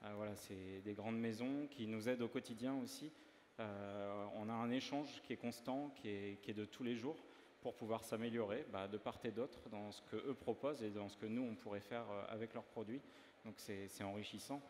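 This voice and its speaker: A male pastry chef from northern France describes his dessert in a halting way, often pausing on filler sounds. His voice sits a little low. It rings out with a long hall reverb over a faint murmur of ambience. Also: darkish tone, slight background noise. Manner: hesitant, many filler sounds. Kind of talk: live demo interview.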